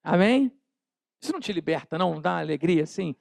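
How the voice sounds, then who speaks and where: A Brazilian pastor preaching in a church, his voice pitched high with a rough, gravelly grain. He speaks in an animated way, acting out small scenes and calling on the congregation to repeat his words. The sound is dry and close, with little room echo. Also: fast talker. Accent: Brazilian Portuguese. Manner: calls on the congregation to repeat phrases. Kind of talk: sermon.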